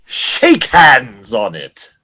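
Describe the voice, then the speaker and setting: An actor playing a vengeful, scheming pirate captain in an audio play, with a grandiose, drawn-out, melodramatic delivery. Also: male voice, medium pitch, wildly swooping pitch, pushed and bright, heavily acted. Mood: gleeful scheming.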